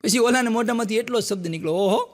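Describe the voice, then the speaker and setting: A man performs live stand-up, spinning folksy village jokes. His voice sits high, and he trades quoted lines between characters in rapid dialogue. A long reverb hangs behind him on the stage. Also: animated, fairly bright tone, slight background noise. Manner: folksy storyteller acting out villagers' lines in quick quoted exchanges. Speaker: stand-up comedian telling jokes. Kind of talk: live stand-up joke telling. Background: audience laughter.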